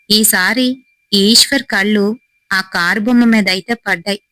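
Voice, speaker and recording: Female horror storyteller, steady suspenseful telling, dry close sound. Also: mid-range voice, no room sound, rough recording.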